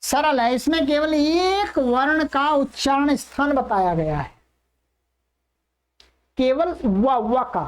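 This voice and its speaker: A woman teaching an online class, patiently repeating each sound slowly for her learners. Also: high voice, animated. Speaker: Sanskrit teacher.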